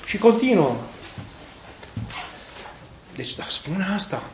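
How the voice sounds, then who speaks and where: A man preaches a sermon in a fairly high voice, retelling scripture with folksy, animated asides. The sound is roomy and echoey, as in a church, with a faint hiss of background noise underneath. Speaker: Orthodox preacher.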